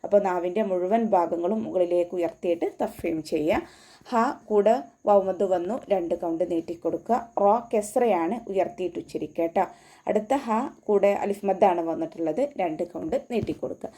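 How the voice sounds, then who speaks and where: A woman teaching an online Quran recitation class, explaining pronunciation rules patiently. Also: mellow. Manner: explains slowly, then recites the verses in a high, drawn-out chant.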